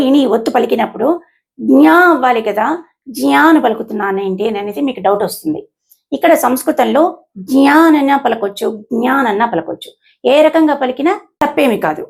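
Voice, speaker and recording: A woman hosting a lesson, explaining verse pronunciation slowly and carefully, syllable by syllable, with English words mixed in. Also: fairly high pitch, vocal fry, darkish tone. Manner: mixes English words into the talk. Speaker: host and Gita teacher.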